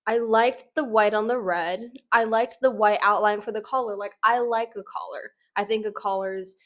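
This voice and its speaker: A woman's voice: medium pitch, fairly even intonation, moderate pace. A woman giving casual, opinionated fashion commentary in an informal, conversational way, peppering her sentences with "like". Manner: informal, conversational, frequent "like" as emphasis.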